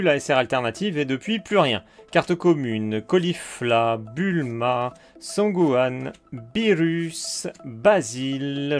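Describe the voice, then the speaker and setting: Excitable man opening trading cards. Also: fairly high pitch. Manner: excitable, hyped, roll-calling card names. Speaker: card opening host. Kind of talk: casual booster opening commentary.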